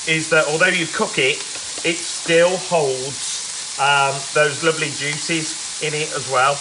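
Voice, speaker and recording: A man's voice: on the high side, noisy background. A man cooking live in his city apartment, chatting in a rambling, casual way, sounding a little stuffy and nasal. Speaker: home cook livestreaming. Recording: sizzling pan behind the voice. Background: food frying in a pan.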